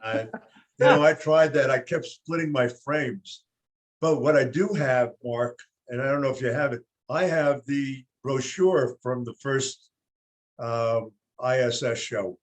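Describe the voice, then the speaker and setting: A man's voice: mid-range voice, fairly even intonation, a little slow. A man hosting a casual chat with a guest over a video call, chiming in with friendly asides. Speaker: host.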